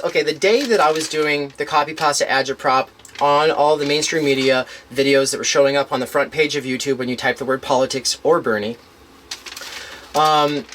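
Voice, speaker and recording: A man telling a long personal story in casual conversation, rambling with restarts and fillers, animated as he retells events. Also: mid-range voice, a little hiss or hum. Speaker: interviewee.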